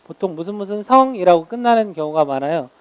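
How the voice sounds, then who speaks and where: A man teaching English vocabulary in a lecture, explaining meanings and slowly modeling each word's pronunciation. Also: high-pitched, lively intonation, smooth, no room sound.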